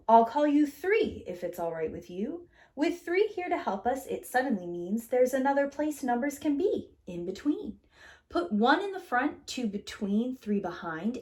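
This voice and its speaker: A slightly high-voiced woman gives an expressive, theatrical read-aloud of a children's picture book in the role of a preschool teacher. She draws out the key words as she goes.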